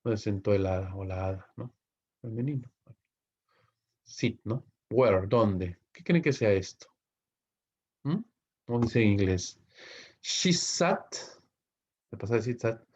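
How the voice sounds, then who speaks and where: A fairly low-voiced man from Peru gives a recorded English grammar lesson in Spanish. He walks through each example, checks in with his students constantly and slows down to read the English sentences carefully. The recording sounds dull and lo-fi. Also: lively intonation, darkish tone. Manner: explains step by step, asks students questions and keeps checking with "¿ok?"; reads English example sentences slowly and clearly. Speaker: English teacher.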